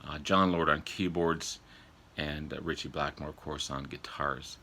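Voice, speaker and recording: A man with a sore throat from a cold, chatting casually and haltingly as a vlog host, often needing to clear his throat. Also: rumbling low, steady tone, bright, forceful tone. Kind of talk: casual chat to viewers about records. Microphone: older phone.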